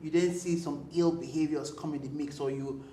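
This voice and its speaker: Animated woman, roomy sound. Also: low voice, moderate pace. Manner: animated, emotional storytelling with frequent restarts. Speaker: podcast guest, entrepreneur. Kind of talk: candid personal conversation. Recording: roomy with faint background noise.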